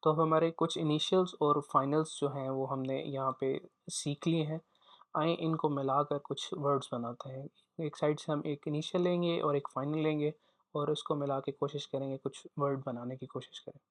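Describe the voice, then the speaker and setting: A man teaching a pronunciation lesson, saying each sound slowly and repeating it for learners to copy. His first language is Urdu. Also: a little high, fairly even intonation. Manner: slow, deliberate, repeats each sound for practice.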